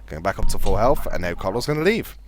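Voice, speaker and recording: A man casting a live video game match, fast play-by-play with a fairly steady delivery. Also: on the low side. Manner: fast, chatty play-by-play talking to co-caster; calls his own voice monotone. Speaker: esports caster.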